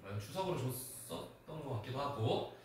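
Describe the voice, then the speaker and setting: A man teaching an English class, quizzing students by name and sometimes scolding them in an animated way. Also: medium pitch, normal speed. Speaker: high school English teacher. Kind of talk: classroom lecture. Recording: echoey classroom from far off.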